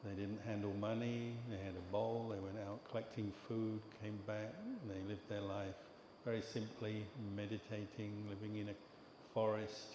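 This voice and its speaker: Older English monk in a reverberant hall. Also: male voice, on the low side. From England. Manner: calm, measured storytelling with pauses. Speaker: Buddhist monk teacher. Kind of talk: dharma talk. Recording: echoey hall with long reverb and background noise.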